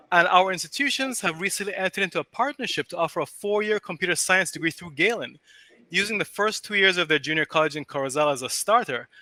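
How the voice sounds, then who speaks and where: A man hosting an academic podcast, giving a formal, measured introduction and asking his guest questions. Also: high voice, bright, forceful tone, no room sound. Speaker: podcast host, professor. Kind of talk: scripted podcast introduction and interviewing.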